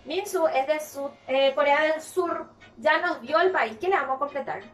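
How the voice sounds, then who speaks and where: A Paraguayan woman with a high voice takes her class through a recorded English lesson, going slowly and repeating each word. She sits some way from the mic in an echoey room, with faint music behind her. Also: a bit bright, recorded from a distance. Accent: Paraguayan Spanish. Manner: slow, explaining patiently, repeating words. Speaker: English teacher.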